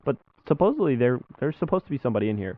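A man's voice: mid-range voice, very animated, very fast. A young man hosting a podcast in a casual, chatty style. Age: young adult. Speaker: podcast host. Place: small school room, indoors. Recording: muffled phone-like audio, dry.

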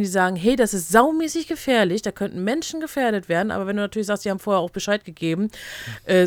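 A woman's voice: mid-range voice, fairly bright tone, no room sound. A woman co-hosting a casual podcast chat, thinking aloud and weighing both sides. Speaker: podcast co-host.

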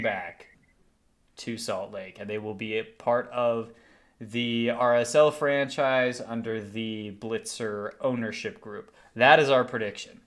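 Guy on a sports podcast, mid-pitch, loose and chatty, lots of "like". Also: a bit bright. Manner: chatty, fills with "like", laughs often. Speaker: podcast co-host. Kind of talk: casual sports podcast chat.

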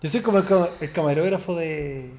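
Teasing Chilean man, slightly high. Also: brisk, a little mellow. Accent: Chilean Spanish. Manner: teasing, brief interjections. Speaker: co-host and camera operator. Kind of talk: casual banter.

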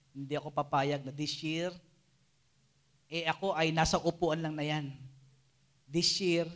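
A man preaching to a youth group, animated and always checking in with his listeners. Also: on the high side. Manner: animated, keeps asking the listeners "Amen?" and "di ba?". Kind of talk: Taglish sermon to a live and Zoom audience.

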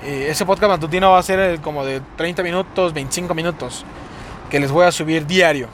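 A man's voice: fairly high pitch, fairly quick, fairly bright tone. A young man with a Mexico City accent, rambling and cursing casually through a solo podcast while driving his car. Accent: Mexico City Spanish. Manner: rambling, profane, sing-song delivery. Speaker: podcast host. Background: car and road noise.

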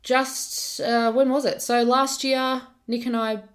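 A woman's voice: sits high, level tone, slow pace. A young Australian woman co-hosting a podcast, chatting in an upbeat, rambling way. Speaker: podcast co-host. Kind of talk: casual chat.

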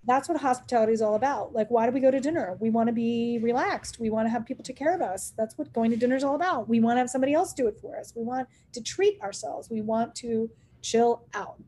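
A woman's voice: a little high, fast talker, few pauses, mellow. A middle-aged woman who owns a restaurant, telling stories in an interview, acting out quoted dialogue and laughing often. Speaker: restaurant owner. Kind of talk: animated storytelling in an interview.

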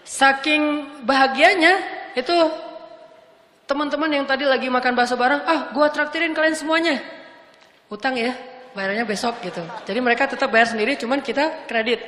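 A woman preacher delivers a humorous, casual sermon full of playful, jokey storytelling. Her voice is high and a bit bright, she talks fairly quickly, and the echoey hall leaves a long reverb.

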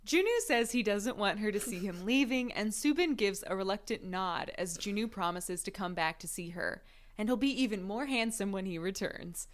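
A woman's voice: mid-range voice, animated, moderate pace. Giggly woman recapping a show. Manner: giggly, breaks into laughter while reading. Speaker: podcast co-host recapping a drama. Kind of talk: casual chat with plot recap.

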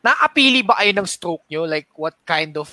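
Guy hosting, high sharp voice, dry close sound, curious questions. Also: expressive, normal speed, no echo. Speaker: podcast host. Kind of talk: casual interview chat, mixing English and Tagalog.

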